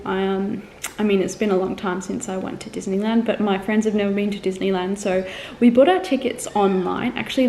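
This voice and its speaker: This young woman from Melbourne, a travel vlogger, addresses the camera in a casual, wandering style with many ums and self-corrections. Her voice sits in the mid-range and sounds slightly mellow, against echo and faint ambient noise.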